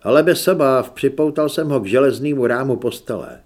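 A man's voice: mid-range voice, darkish tone, natural voice. A man voicing an easygoing young guy. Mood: matter-of-fact.

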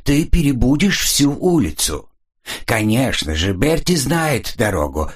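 A man's voice: medium pitch, sing-song, unhurried, husky, voice pushed up. A male audiobook narrator voicing a fussy woman who squeals her goodbyes. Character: shrill fussy woman at a street farewell. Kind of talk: audiobook character reading.

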